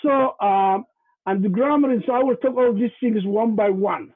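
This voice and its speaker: Over tinny, phone-like video call audio, a man with a high voice presents haltingly. He speaks Somali natively, has a Somali accent, and often repeats words and uses lots of fillers.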